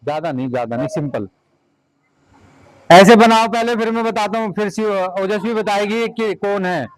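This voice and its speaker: A man's voice: high-pitched, moderate pace, poor audio. A man teaching a class of children, giving directions and repeating short commands.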